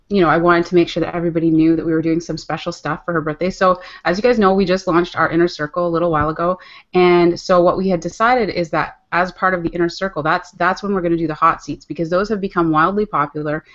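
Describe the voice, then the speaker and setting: A woman co-hosting a live online happy hour, explaining plans in an upbeat, chatty way. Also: on the low side. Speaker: co-host. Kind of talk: casual live webinar chat. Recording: dull lo-fi audio.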